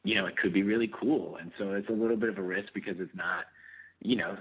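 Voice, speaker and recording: A man in his thirties talks casually as an interview guest. He rambles through plenty of fillers and laughs easily. His slightly low, husky voice comes through a thin, phone-like line. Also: steady tone, fast. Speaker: guest actor.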